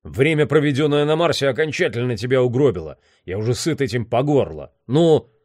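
A man doing a hoarse, exasperated boss. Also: mid-range voice, animated, a little fast, a little mellow, no room sound, studio quality, pitched above the performer's own voice, natural voice. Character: gruff, irritated older male boss, shouting.

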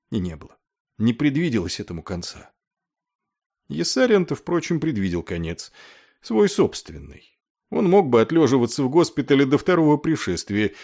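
A male narrator reading a novel aloud with dramatic emphasis. His mid-pitched voice swoops up and down widely, stressing phrases for effect. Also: vocal fry, a little mellow. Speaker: audiobook narrator. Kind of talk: expressive audiobook reading.

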